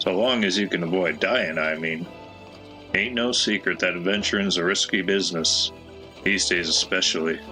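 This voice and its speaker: A man's voice: sits low, sharp tone, rough recording. A man voicing a chatty, folksy old male peddler with a put-on American Southwestern drawl, reading game dialogue in character.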